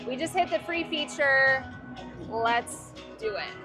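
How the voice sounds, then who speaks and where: A woman in her forties chatting casually and reacting excitedly as she vlogs slot play on a casino floor. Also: high-pitched, slow. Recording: loud music behind the voice.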